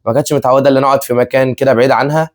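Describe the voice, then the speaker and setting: Rapid-fire yet steady in tone, this mid-range male voice belongs to a family channel's co-host in his twenties. He has an Egyptian Arabic accent and chats casually with viewers, laughing frequently and repeating himself.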